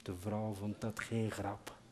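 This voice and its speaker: Man reciting slowly in a reverberant concert hall. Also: fairly low pitch. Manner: slow, expressive, swings between loud outbursts and near-whispers. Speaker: narrator. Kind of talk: dramatic recitation over chamber music. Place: concert hall, live performance.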